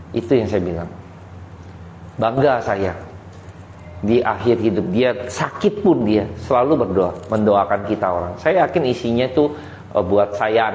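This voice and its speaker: A man's voice: fairly low pitch, a little mellow, a little hiss or hum. A man in his forties giving an emphatic sermon, putting rhetorical questions to the congregation. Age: 40s. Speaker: preacher. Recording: echoey hall, dull muffled sound.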